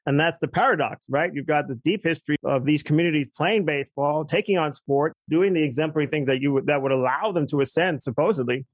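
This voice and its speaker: A man's voice: on the high side, no room sound, poor audio. A man on a discussion panel with an academic tone, often tagging his points with "right?". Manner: rapid, keeps checking in with "right?".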